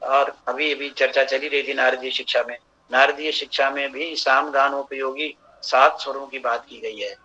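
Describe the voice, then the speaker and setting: A man's voice: medium pitch, steady tone, moderate pace, sharp tone, slight background noise. A man lecturing in a seminar, explaining step by step and often restarting his phrases. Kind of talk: academic lecture. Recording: dull lo-fi recording.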